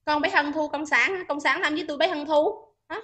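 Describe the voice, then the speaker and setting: A woman's voice: sits high, a little fast, bright, forceful tone. A woman on a phone livestream, scolding and taunting commenters in a heated argument. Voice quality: scolding, taunting, repeats questions. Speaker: livestream host.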